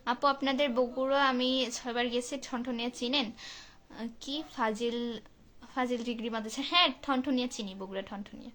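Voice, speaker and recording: Her voice is slightly high and a bit bright, with fairly even intonation and a normal speed. She's a woman from Santahar, northern Bangladesh, chatting casually on a live stream as she reads out and replies to viewers' comments.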